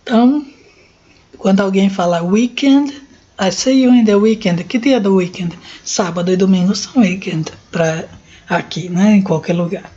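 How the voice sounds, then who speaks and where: A Brazilian woman teaching an English lesson, saying each word slowly and repeating it for learners to copy. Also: mid-range voice, warm tone, husky. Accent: Brazilian Portuguese. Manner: slow, deliberate, repeats words for learners to echo. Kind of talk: language lesson. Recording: dull lo-fi sound.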